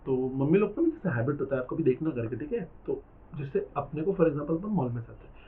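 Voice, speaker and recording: A man's voice: fairly high pitch, expressive, fast talker. A young man, a chatty, teasing lecturer telling a story to his class and slipping into English phrases. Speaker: accounting exam lecturer. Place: classroom with students. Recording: tinny phone-like lecture recording.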